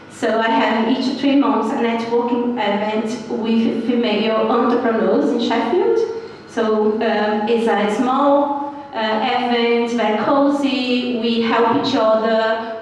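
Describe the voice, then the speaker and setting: Giggling often and leaning on many fillers, a hesitant woman with a slightly high voice gives a live talk as a guest speaker at an indoor event venue. She's a journalist in her thirties from Brazil, native in Portuguese with a Brazilian accent, recorded by a distant mic in an echoey hall with slight background noise.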